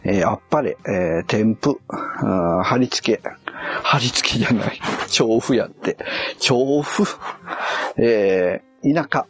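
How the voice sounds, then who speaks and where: A man's voice: fairly low pitch, slow, breathy edge, soft background music. A man on a casual live stream, muttering and puzzling aloud as he reads a kanji quiz and corrects himself.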